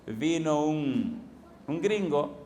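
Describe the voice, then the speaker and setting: Middle-aged male pastor, higher voice, emphatic sermon delivery with loud rhetorical questions, faint room hiss. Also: lively intonation, very slow. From Dominican Republic.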